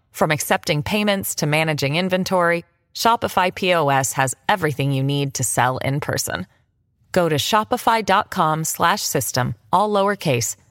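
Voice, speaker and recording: A woman's voice: sits low, fairly bright tone, no echo, studio quality. A woman delivering a scripted sponsor read as an advert announcer.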